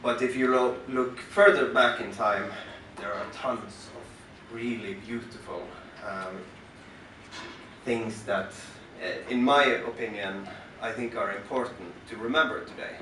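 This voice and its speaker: A man with a Norwegian accent, from western Norway, introduces his music from a club stage, speaking haltingly and thoughtfully with frequent pauses and restarts. His voice is mid-range. Recorded from the audience through the house speakers, the audio is distant and roomy, with background noise.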